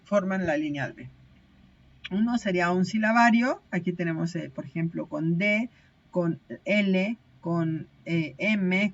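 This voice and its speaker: A woman's voice: fairly low pitch, lo-fi sound. A woman teaching a recorded online lecture, explaining step by step with frequent hesitations and self-corrections.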